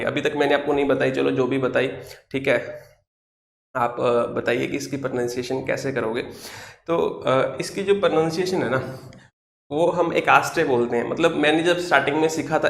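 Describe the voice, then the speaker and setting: A man's voice: mid-range voice, gravelly, echoey room, slight background noise. A man teaching an online English vocabulary class, explaining words patiently and asking and answering his own questions.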